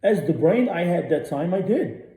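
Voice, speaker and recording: A man rants on a radio show, blunt and profane, and he hammers his points again and again. His voice is very dark and sits a little high. The room around him sounds echoey. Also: very animated, normal speed. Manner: blunt, profane, repeats himself. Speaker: radio host. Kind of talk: ranting monologue.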